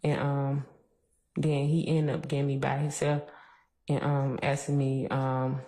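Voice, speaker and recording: A woman's voice: extremely low pitch, flat delivery, unhurried, warm tone. A woman giving testimony as a witness in court, subdued and hesitant as she explains. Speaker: trial witness. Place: courtroom, indoors.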